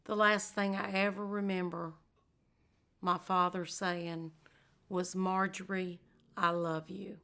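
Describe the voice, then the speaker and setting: An older woman speaking slowly and tenderly as she is interviewed, repeating her lines over several takes. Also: lowish voice, little pitch movement, sharp tone. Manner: slow, tender and heartfelt.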